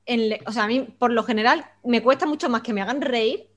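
Woman, book chat guest; high voice, reflective and halting delivery. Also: fairly bright tone. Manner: hesitant, reflective, with many restarts.

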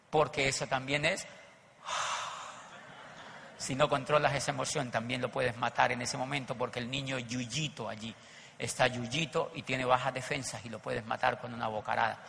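A man giving a live motivational talk to an audience as an animated storyteller, moving from quiet asides to emphatic bursts. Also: medium pitch, vocal fry. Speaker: motivational speaker. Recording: long hall reverb, faint background noise.

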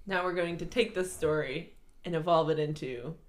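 A woman's voice: deep voice, normal speed. A woman with a slight lisp co-hosting a casual chat, telling stories with frequent giggles. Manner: giggly, chatty storyteller. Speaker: podcast co-host.

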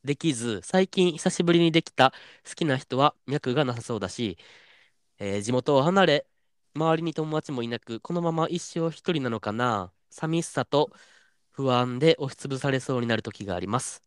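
A man's voice: medium pitch, moderate pace, clear, resonant tone, no echo. Man, Kansai accent, podcast co-host, casual chat, slightly fumbled r-sounds, dry close mic. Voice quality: stumbles on r-sounds. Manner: reads listener letters aloud, relaxed banter.

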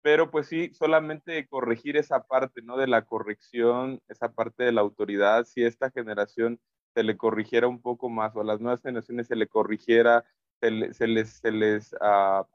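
Man, podcast co-host, measured and thoughtful, hesitant fillers, slightly dull lo-fi audio, dry. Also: mid-range voice, fairly even intonation, no echo. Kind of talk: casual faith podcast discussion.

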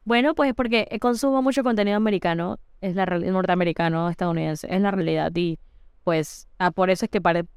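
A woman's voice: lowish voice, smooth, dry recording, studio quality. Chatty young Panamanian woman storyteller. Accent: Panamanian Spanish. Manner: chatty storyteller, halting restarts. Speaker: podcast co-host. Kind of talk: casual chat.

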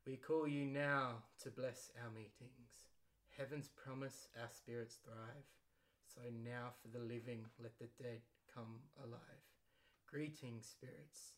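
A man slowly reciting a rhyming ritual invocation in a solemn, chanting manner. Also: medium pitch, fairly even intonation, a bit bright. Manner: slow, measured chant. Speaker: podcast co-host reciting an invocation.

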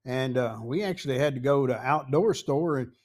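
A man in his sixties or older with a Tennessee accent, a podcast host telling a rambling, folksy story full of pauses and asides. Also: mid-range voice, a little mellow. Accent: Southern US, Tennessee. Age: 60s or older. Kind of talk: casual storytelling.

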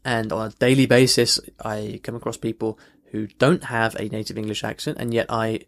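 A man's voice: lowish voice, fairly even intonation, moderate pace. A man hosting a podcast lesson, explaining things in a loose, conversational way with frequent restarts and "okay" check-ins. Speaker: language teacher, podcast host. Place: in London.

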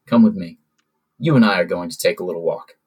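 A man voicing a commanding older mob godfather with a calm, measured menace. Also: low-pitched, breathy edge.

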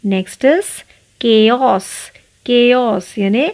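A woman's voice: a little high, extremely slow, darkish tone. A woman with an Indian accent teaching English spelling, spelling each word out letter by letter and explaining it in Hindi. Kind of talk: slow spelling lesson.

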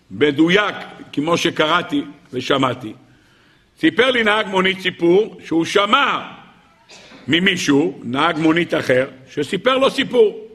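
A man, a rabbi giving a weekly Torah lesson as an animated storyteller who acts out the shouts in his stories. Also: sits high, slightly rough.

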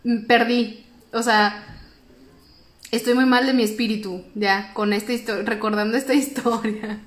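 A young woman with a Mexican accent tells a story on a casual podcast, her voice sitting high. She is animated and laughs often, switching into the voices of the people she is describing. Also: measured pace. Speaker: podcast co-host.

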